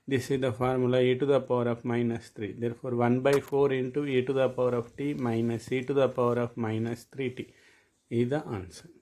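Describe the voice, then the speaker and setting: A man's voice: mid-range voice, flat delivery, brisk, warm tone. A man with an Indian Telugu accent, a native Telugu speaker, teaching a maths lesson and dictating formulas step by step. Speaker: mathematics lecturer. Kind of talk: classroom-style maths lesson.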